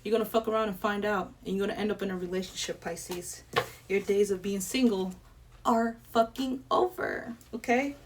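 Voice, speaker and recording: A woman's voice: mid-range voice, little pitch movement, fast talker, recorded from a distance. A young woman giving a casual tarot reading to camera, chatty, swearing lightly and laughing often. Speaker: tarot reader. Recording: air conditioner noise behind.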